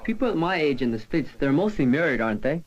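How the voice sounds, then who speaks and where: A man's voice: a little high, sing-song, fast. A young man answering and asking questions in a casual interview conversation. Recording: dull, muffled documentary sound.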